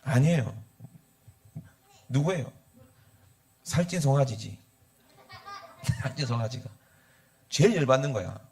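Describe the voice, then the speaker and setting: A man's voice: medium pitch, measured pace, long pauses. A male pastor, preaching a sermon and calling for responses from the congregation. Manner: animated, asks the congregation for responses.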